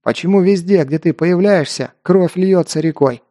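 A man reading an audiobook voicing a gruff, short-tempered mercenary who barks orders and swears. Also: high voice, moderate pace, mellow, voice pushed up, lightly acted. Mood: shouting angrily.

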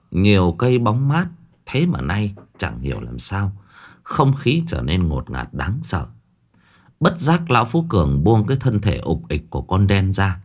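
A man narrating a ghost story with dramatic, expressive delivery. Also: low voice.

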